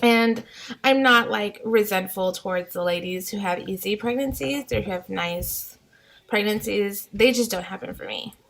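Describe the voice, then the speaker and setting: A woman's voice: mid-range voice, moderate pace, gravelly, a bit bright. A young woman and mother talking casually at home, rambling and unguarded with lots of "like" fillers. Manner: chatty and unguarded, many "like" fillers. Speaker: vlogger, mother of three. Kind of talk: casual rambling vlog rant. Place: home, somewhere with mild winters.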